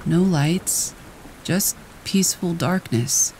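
A man voicing a dying old man in his sixties, speaking in a weak, strained croak, slow and faint. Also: fairly high pitch, expressive, warm tone, a little hiss or hum, low-quality recording. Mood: fading, peaceful.

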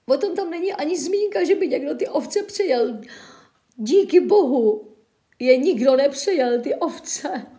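Woman streamer, high pitched, sarcastic and theatrically sorrowful, chatting casually with her viewers. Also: animated, mellow. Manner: mock-tearful, sarcastic, melodramatic sighing. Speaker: livestreamer reading local news and chat. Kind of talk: casual livestream chat.

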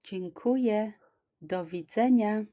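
A middle-aged woman teaching language, repeating each phrase slowly and clearly, at home on a webcam. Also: medium pitch, dark tone. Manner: slow, careful, clearly articulated repetition. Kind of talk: extra slow language lesson, repeating phrases.

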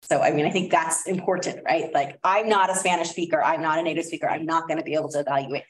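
Quick and steady in tone, this low-voiced woman is a district administrator recommending a curriculum to a school board, speaking casually and full of fillers. A little hiss or hum is present, the room echoes, and her voice sounds far from the microphone.

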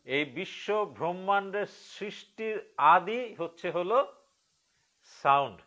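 A man from Bangladesh teaching meditation in a live-streamed spiritual lecture, speaking slowly and deliberately, drawing out key words and putting questions to his listeners. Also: sits high, lively intonation, pushed and bright.

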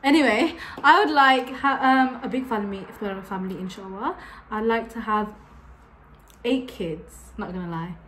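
A woman's voice: fairly high pitch, moderate pace, a bit bright, a little hiss or hum. An eighteen-year-old woman hosting a casual Q&A in a home kitchen, playful and giggly, talking close to the camera. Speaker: vlogger hosting a Q&A. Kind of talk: casual chat.

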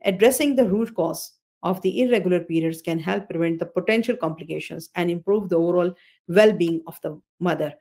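Her fairly low, warm voice moves at a brisk clip. She is an OB-GYN consultant in her fifties hosting a webinar on a video call and explaining slides, captured by a computer mic, and she tends to repeat phrases and fix herself with fillers.

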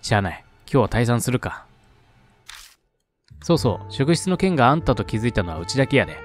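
A man's voice: medium pitch, very animated, fairly quick, soft background music. A man doing a pushy Kansai-dialect lady cop. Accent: attempted Kansai dialect. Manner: pushy and blunt. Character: brash young woman detective, nosy and teasing.

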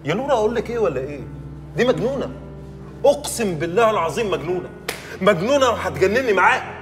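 An actor playing an exasperated young newlywed husband, speaking with an Egyptian Arabic accent in a rapid, pleading way. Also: male voice, mid-range voice, far from the mic, close to an everyday voice. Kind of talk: film drama acting. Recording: film soundtrack music behind.

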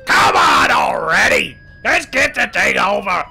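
A man's voice: high-pitched, wildly swooping pitch, measured pace, vocal fry, sharp tone, slightly rough, exaggerated voice. A man playing an impatient, bossy villain, barking whiny orders in a comic game roleplay. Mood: frantic, bossy. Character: impatient, bossy Southern county boss, male villain.

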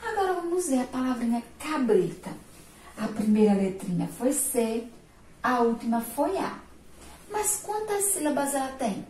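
A woman teacher from Sergipe in Brazil with a Sergipe accent, giving a remote literacy lesson to young children, slow and patient, praising answers and drawing out syllables. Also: high voice, sing-song, a little mellow. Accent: Sergipe Brazilian Portuguese. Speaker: primary school teacher. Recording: echoey room, voice from a distance.

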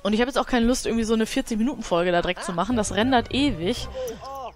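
A woman's voice: a little high, very fast. A woman giving casual let's play commentary, chatting to her game characters and laughing often.

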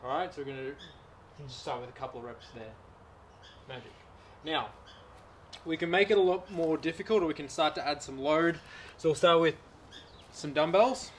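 A young Australian trainer's voice is fairly high in pitch, at normal speed, with long pauses and a slight hiss or hum. Out in a garden, he demonstrates home exercises for a far camera, coaching casually while doing the reps.

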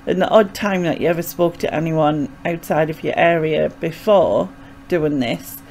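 Young mackem lass from sunderland, gravelly fry in her voice, rambly casual vlog chat up close on a mic. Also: low-pitched, moderate pace, a little mellow. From North East England. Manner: hesitant, rambling, chatty. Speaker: vlogger. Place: small bedroom indoors. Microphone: desk microphone with pop filter, close.

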